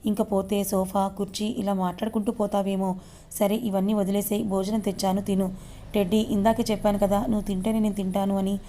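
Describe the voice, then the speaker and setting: Young husband in an audio story, read by a woman: stubborn, curt, even-toned. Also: mid-range voice, brisk, a little hiss or hum, natural voice. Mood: teasing.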